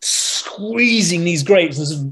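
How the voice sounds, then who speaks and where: A man with a slightly husky voice tells a long anecdote in casual podcast chat. He acts out what others said and laughs through the funny bits. His voice sits at a middling pitch for a man. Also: moderate pace. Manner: animated storyteller, acts out quotes, laughs mid-sentence. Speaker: wine expert telling a story.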